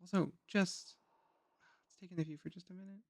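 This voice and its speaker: A streamer narrating a game run in a loose, chatty way, cracking jokes and swearing now and then. The voice sits at an ordinary middle pitch. Everything is aimed at the chat watching live. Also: fairly even intonation, brisk, vocal fry, no room sound. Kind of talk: casual gameplay commentary.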